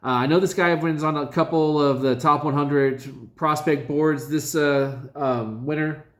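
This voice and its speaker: A man goes over his fantasy league's draft picks in a casual, halting way, rambling with lots of fillers and correcting himself. His voice is slightly high and his intonation stays fairly even.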